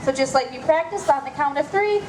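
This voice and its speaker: A woman's voice: sits high, brisk. A woman presenting a scripted live children's animal show as a magician, coaxing the crowd like a kids' party magician. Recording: echoey, noisy live show ambience.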